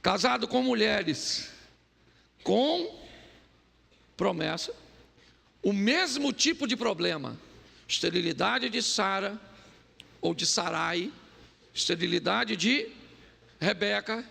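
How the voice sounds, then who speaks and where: A man preaching a humorous sermon as a pastor, animated and often quizzing the listeners. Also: sits high, slow pace, creaky, pauses often, in a large hall. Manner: animated, joking, asks the crowd "sim ou não?".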